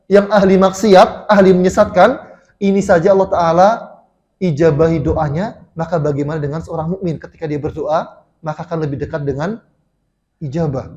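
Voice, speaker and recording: A man's voice: high voice, a little mellow. An Indonesian man giving a mosque sermon, telling stories with frequent restarts and fillers to the congregation. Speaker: preacher.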